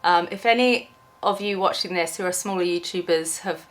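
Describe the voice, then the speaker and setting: Losing her voice to a cold, a young woman who runs a small YouTube channel talks at normal speed in a fairly low voice. Her vlog is unplanned and meandering, peppered with ums and restarted sentences.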